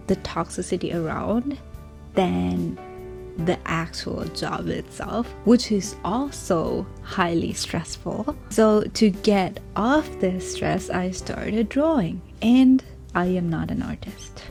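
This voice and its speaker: A young woman, telling her own story in a casual, earnest vlog with soft whispered asides. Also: medium pitch, lively intonation, slow, gravelly, over music. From Sri Lanka. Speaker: vlogger, small business owner.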